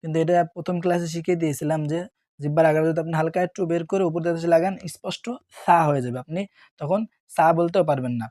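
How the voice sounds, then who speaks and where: A man's voice: on the high side, quick pace, mellow, no room sound, clean studio sound. A man teaching Quran reading, drilling letter sounds with patient repetition.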